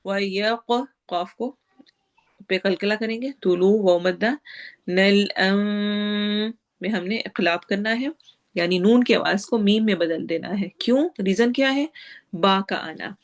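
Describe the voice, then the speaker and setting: A woman leads a recitation lesson at a slow, patient overall pace. She chants each verse phrase slowly and drawn out, then quickly explains the rule behind it in plain classroom speech. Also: mid-range voice. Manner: gives students homework and practice. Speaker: Quran recitation teacher.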